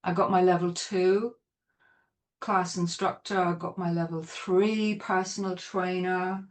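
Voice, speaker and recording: Speaking a little slowly in a lowish voice with fairly even intonation, a middle-aged Dublin woman from Ireland chats as a podcast guest. She wanders through her thoughts with frequent restarts, her Irish Dublin accent clear throughout the interview.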